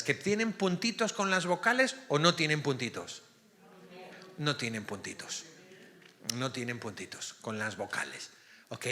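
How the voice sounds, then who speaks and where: A man's voice: on the high side, bright, forceful tone. A man, a priest, leading a parish Bible study class, often checking in with his listeners to see that they follow. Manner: keeps checking in with the class, asking "ok?". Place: parish hall or church classroom. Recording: long reverb of a church hall.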